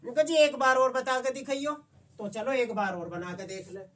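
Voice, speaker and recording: A man's voice: very high voice, expressive, moderate pace, fairly bright tone, far from the mic. A male Hindi teacher giving an exam-prep class, asking the students questions and answering them himself. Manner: coaxing, repeats "समझ गए बच्चे?".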